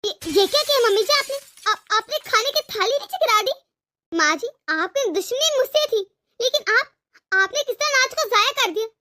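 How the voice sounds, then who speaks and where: A woman voicing a proud, sharp-tongued young daughter-in-law in a cartoon, lecturing her in-laws. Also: extremely high pitch, expressive, brisk, full character voice. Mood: indignant. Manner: indignant, lecturing. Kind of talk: cartoon voice acting.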